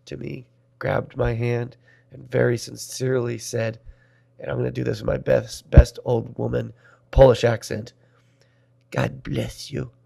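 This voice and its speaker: A man from Nebraska hosts a solo podcast, talking wryly and with self-deprecation. His voice is heavily gravelly and full of fry, and it sounds strained as he recovers from being poisoned. His pitch sits in an ordinary middle range. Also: darkish tone. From Nebraska, USA. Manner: wry, self-deprecating, talks about his own voice. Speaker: podcast host.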